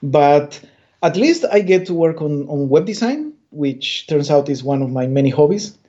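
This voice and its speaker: In a casual interview chat, a male comic artist from Bolivia speaks at normal speed in a slightly high, dark, animated voice. He wanders, stumbles over words and frequently starts over, all on dull lo-fi audio.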